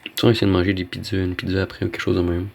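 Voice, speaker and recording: A man's voice: low-pitched, monotone, rapid-fire, creaky, slight background noise. A man with a Québécois French accent giving casual, rambling gaming commentary, slangy and dropping in bits of English slang. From Quebec, Canada. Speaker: gamer recording a video.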